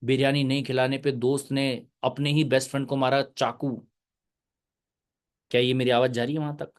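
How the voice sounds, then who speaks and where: A man's voice: mid-range voice, little pitch movement, normal speed. A male teacher giving a live online lecture, chatty and joking, mixing English terms into his talk.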